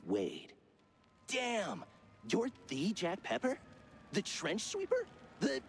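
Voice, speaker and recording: A jittery mouse stage designer. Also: male voice, sits high, huge pitch swings, takes it slowly, vocal fry, slight background noise, full character voice. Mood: excitable. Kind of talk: cartoon game voice acting.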